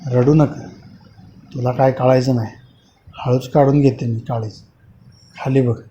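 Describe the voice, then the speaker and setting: A man's voice: medium pitch, fairly even intonation, a little slow, dark tone, lightly acted. A man voicing a hungry, cruel female ghost in a horror story, in a dull lo-fi recording with faint hiss. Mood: menacing.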